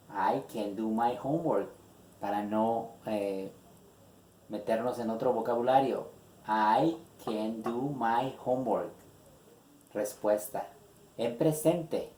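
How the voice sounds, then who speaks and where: A man teaching an English grammar lesson in Spanish, slowly repeating example questions and their translations. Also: lowish voice, mellow. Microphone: phone. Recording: echoey room on a phone.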